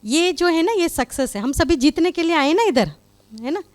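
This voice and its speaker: A woman's voice: extremely high pitch, expressive, moderate pace, a little mellow. A woman spiritual speaker giving a conversational talk to a live audience, with many fillers. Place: meditation hall with live audience.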